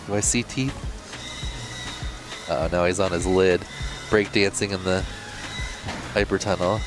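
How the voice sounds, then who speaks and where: A man co-commentating a drone race, reacting with quick exclamations. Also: deep voice, fairly even intonation, music in the background. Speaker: co-commentator and pilot.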